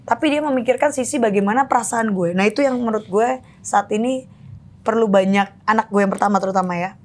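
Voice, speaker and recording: A woman's voice: mid-range voice, quick pace. A woman guest on a podcast, candidly telling stories about her children and mixing in English phrases. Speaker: podcast guest, actress and mother. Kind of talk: casual podcast chat.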